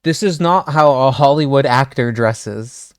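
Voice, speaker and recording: A man's voice: mid-range voice, unhurried, smooth, no room sound. Streamer man, casual foul-mouthed riffing, dead-dry close mic. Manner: profane, riffing jokes to chat. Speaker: live streamer. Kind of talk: casual reaction chat.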